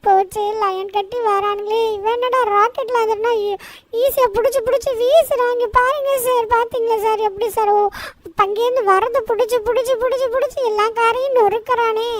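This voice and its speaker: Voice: very high-pitched, steady tone, moderate pace, far from the mic, slight background noise. A performer voicing a cheeky, easily panicked little cartoon boy who begs frantically in a comic game voice-over. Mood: panicky pleading. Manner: frantic pleading, constant "sir, sir" begging.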